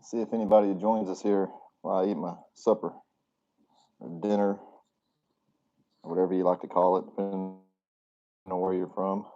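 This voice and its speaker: A man's voice: low voice, level tone, moderate pace, long pauses, warm tone. A man hosting a casual live stream from a hotel room, chatting with viewers while he eats and talks with his mouth full. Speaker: channel host live-streaming. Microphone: phone. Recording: dull lo-fi phone audio.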